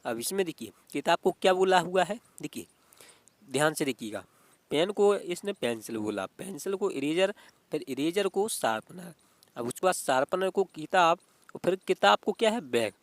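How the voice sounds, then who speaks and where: A man's voice: on the high side, animated, moderate pace, no room sound. A man explaining exam reasoning questions as a teacher, repeating himself and checking in often with "okay". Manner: repetitive, keeps asking "what is it" and saying "okay".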